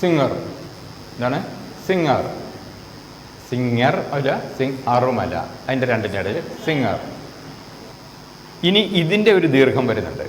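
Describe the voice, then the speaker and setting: A man's voice: medium pitch, big pitch swings. A man with a Malayali accent teaches English vowel sounds, drawing out each example word and asking questions as he goes. His voice sits mid-range and carries a long echo from the room. A faint hiss hangs behind it. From Kerala, India. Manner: repeats example words slowly, asks rhetorical questions. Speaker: phonetics teacher. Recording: echoey room with faint background noise.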